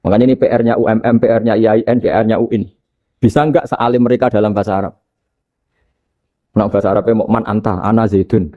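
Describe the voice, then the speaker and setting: A man with a Javanese accent giving a casual religious lecture, telling lively stories and chanting Arabic examples. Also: on the low side, fast, phone-quality sound. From Indonesia. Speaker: Islamic preacher.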